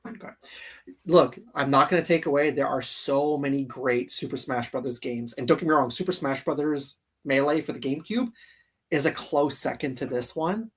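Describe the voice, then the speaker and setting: A man with a husky, medium-pitched voice hosts a casual live gaming countdown show, speaking at a moderate pace and enthusiastically repeating phrases for emphasis. He sounds distant, picked up by a streaming call microphone.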